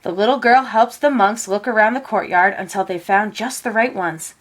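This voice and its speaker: In a mid-range voice, a woman reads a children's picture book aloud, telling the story in an expressive, measured way. The audio quality is poor.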